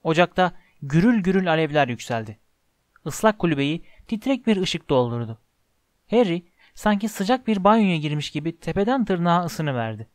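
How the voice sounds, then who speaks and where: A man narrating an audiobook with expressive storytelling. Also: on the high side, no room sound, clean studio sound. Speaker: audiobook reader. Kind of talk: scripted narration.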